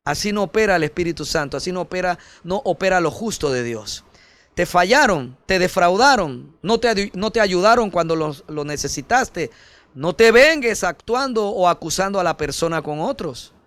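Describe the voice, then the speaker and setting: High-voiced male pastor preaching earnestly. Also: expressive, moderate pace, dry recording. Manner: earnest preaching, rising to emphatic peaks then dropping soft; addresses listeners directly as brother. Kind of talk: sermon.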